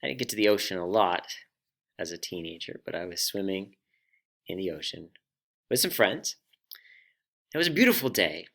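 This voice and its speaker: A man hosting a personal finance vlog, telling a story in an animated, self-deprecating way. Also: deep voice, normal speed, pauses often. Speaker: vlog host.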